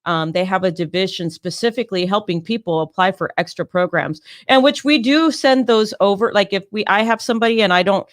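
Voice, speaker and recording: Upbeat woman explaining clearly. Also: medium pitch, fairly quick, hardly any pauses, no room sound, clean studio sound. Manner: upbeat, explanatory, many "mm-hmm"s. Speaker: co-host, insurance agent. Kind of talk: casual chat.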